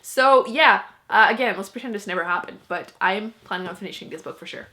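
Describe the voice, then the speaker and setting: A young French-speaking woman runs a book vlog, chatting casually to the camera, laughing a lot and teasing herself. Her mid-range voice is sharp in tone and moves along fairly quickly.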